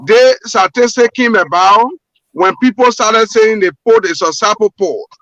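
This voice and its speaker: A man's voice: high voice, a little slow, fairly bright tone, dry recording, lo-fi sound. A Liberian man, a port manager guest on a call-in show, speaking earnestly with many repeats and restarts. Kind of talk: call-in radio interview.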